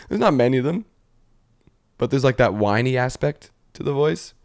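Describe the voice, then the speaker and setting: A man hosting a comedy podcast, telling a story with animated energy, using "like" and "literally" constantly and laughing often. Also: medium pitch. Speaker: podcast host. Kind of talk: casual comedy podcast chat.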